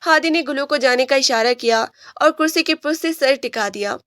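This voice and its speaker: Audiobook narrator: a woman with a high voice telling a romance steadily, close dry mic. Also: no echo. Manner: steady storytelling. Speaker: novel narrator.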